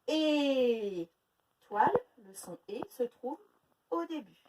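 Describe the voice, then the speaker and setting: A high, very lively woman teacher from France leads young children through a phonics lesson. She talks slowly and stretches each word into exaggerated syllables. Her voice sits a little back from the mic, with faint noise behind it. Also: distant mic. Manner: slow, exaggerated syllable-by-syllable pronunciation.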